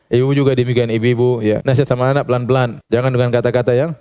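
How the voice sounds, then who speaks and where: A man's voice: mid-range voice, racing, clean tone. A man preaching a sermon to an audience. He adds "ya" after his points and acts out scolding parents for laughs. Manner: lively, mimics parents' scolding with humor, frequent "ya".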